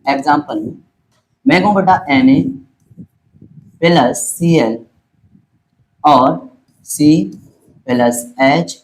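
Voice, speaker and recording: A slightly high-voiced man, captured on a low-quality recording, teaches chemistry step by step. He patiently repeats his points, calls the students "beta," and checks that they understand. When chemical formulas come up, he slows down to spell them out.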